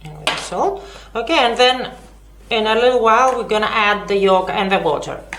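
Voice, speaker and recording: A woman's voice: medium pitch, animated, moderate pace, roomy sound, background noise. A woman hosting a home cooking lesson, chatty, with many fillers and self-corrections. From Greece. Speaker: cooking show host.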